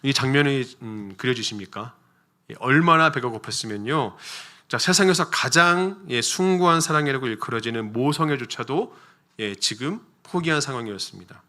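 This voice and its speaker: Bright-voiced Korean pastor preaching. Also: male voice, mid-range voice, expressive, moderate pace. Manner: frequent fillers "자" and "예", storytelling with rhetorical questions. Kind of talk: sermon. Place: church sanctuary.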